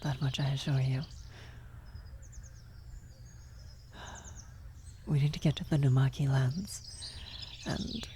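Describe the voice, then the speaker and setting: Here the fretful, tender vampire blood sorceress of this ASMR fantasy roleplay, played by a woman, is gentle and guiding. The voice is bass-deep with fairly even intonation, soft and breathy and often near a whisper, and she speaks gently with hesitation and pauses, like a guilt-ridden lover. Background noise, birdsong and outdoor nature ambience effects sit under her.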